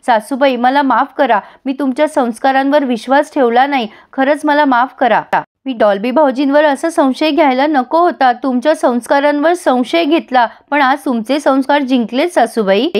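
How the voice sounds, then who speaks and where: A woman's voice: sits high, normal speed, hardly any pauses, lightly acted. A woman reading a humble, pleading young headwoman. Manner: pleading, apologetic.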